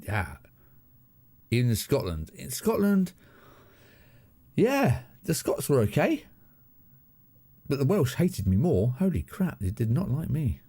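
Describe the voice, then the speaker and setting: A man's voice: medium pitch, sing-song, takes it slowly, long pauses, mellow, husky. A middle-aged man with a southern English accent, hosting a casual live stream from his home studio, rambling and laughing with many restarts. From southern England.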